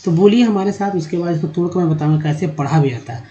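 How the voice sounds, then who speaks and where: A man, teaching in a slow lesson and reading word lists aloud syllable by syllable. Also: fairly high pitch, warm tone, dull audio. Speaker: English teacher.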